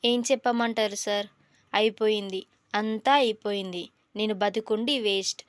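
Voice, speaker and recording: A woman's voice: mid-range voice, steady tone, moderate pace, no room sound, natural voice. A woman voicing a dramatic young female student who whines and pleads tearfully in a storybook. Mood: melodramatic whining. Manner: whiny, melodramatic pleading.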